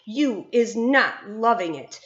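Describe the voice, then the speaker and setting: A woman doing the BFG, a nervous gentle giant. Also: fairly high pitch, animated, unhurried. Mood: eager. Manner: quirky jumbled grammar, earnest pleading. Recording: roomy, dull lo-fi sound.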